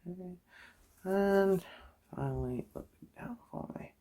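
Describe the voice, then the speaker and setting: An ASMR performer playing an optician speaks softly and breathily at medium pitch and a slow pace. She murmurs hesitantly and reassuringly, often drifting into a whisper.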